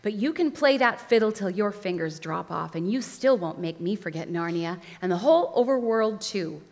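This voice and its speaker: A woman's voice: medium pitch, lively intonation, moderate pace, natural voice. A woman doing a stout, breathless marsh creature. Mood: stubborn. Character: gloomy, stubborn male marsh creature. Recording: long hall reverb.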